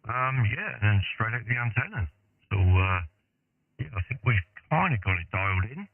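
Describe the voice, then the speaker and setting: A man's voice: mid-range voice, very animated, moderate pace, vocal fry, no room sound. A man, an amateur radio operator, gives his details in a friendly, easygoing way, heard over a narrow shortwave radio signal. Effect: narrow shortwave radio sound. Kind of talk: on-air radio contact.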